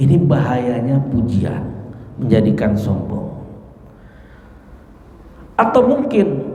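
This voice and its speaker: A man's voice: medium pitch, mellow. A man giving a sermon at a mosque on a classical text, now and then acting out the people he quotes and reciting Arabic. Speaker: mosque preacher. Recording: echoey mosque hall, dull sound, faint hiss.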